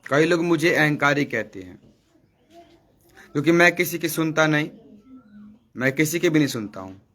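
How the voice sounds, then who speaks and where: A man delivers a devotional sermon to his viewers in a fairly high, bright and forceful voice. He scolds his listeners and hammers home his points by repeating rhetorical questions. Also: expressive, normal speed. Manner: repeats lines for emphasis. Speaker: spiritual speaker. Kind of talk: devotional preaching on a live stream.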